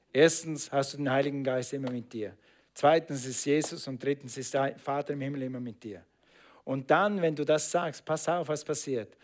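A man preaching a sermon, stressing and repeating phrases and calling on the congregation to answer back. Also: on the high side. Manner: emphatic, repeats phrases, calls on congregation to respond.

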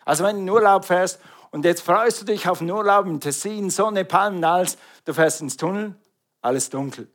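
A middle-aged man from Switzerland with a Swiss German accent, preaching an animated sermon and calling out to the congregation. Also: sits high, normal speed.

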